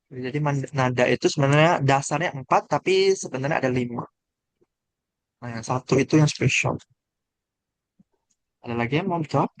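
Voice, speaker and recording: A man leading a classroom lesson on Mandarin tones, explaining step by step and stopping to ask his students questions. His voice sits at an ordinary pitch and sounds close and dry, with little room echo. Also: normal speed, long pauses. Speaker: Mandarin teacher. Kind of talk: classroom teaching.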